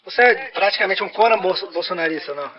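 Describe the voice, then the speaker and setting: High-voiced Brazilian man, half-robot filter. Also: quick pace, highs cut off. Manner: playful, teasing, plays a programmed machine. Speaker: podcast co-host. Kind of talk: casual banter and reading donations. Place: podcast studio.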